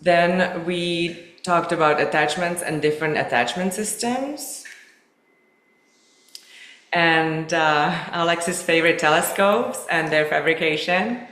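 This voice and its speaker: A woman from the Czech Republic, a native Czech speaker, co-presenting a dental webinar with an orderly, steady recap. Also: on the low side, takes it slowly, roomy sound. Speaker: removable department manager, co-presenter.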